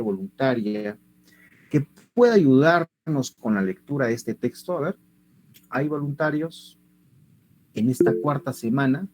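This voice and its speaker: A man leads an online language class, his medium-pitched, slightly mellow voice rising and falling a lot. He keeps putting rhetorical questions to his students.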